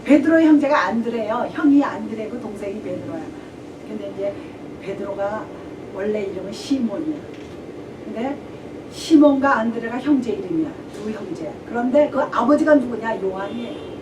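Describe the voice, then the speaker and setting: A woman's voice: a little high, moderate pace. Echoey woman pastor preaching from afar. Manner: animated storytelling, acting out the dialogue. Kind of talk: sermon. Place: church sanctuary. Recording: echoey church from a distant mic, with background noise.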